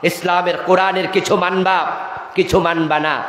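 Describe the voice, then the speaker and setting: A male preacher giving a dramatic sermon, rising to shouts and chanted Arabic verses. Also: high voice, little pitch movement, moderate pace, reverberant, slight background noise. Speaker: Islamic preacher. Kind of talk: sermon at a religious gathering. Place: outdoor religious gathering.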